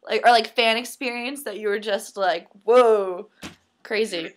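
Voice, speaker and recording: Young woman, interviewer, fairly high voice, upbeat, giggly, encouraging. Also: steady tone, normal speed. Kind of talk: casual interview.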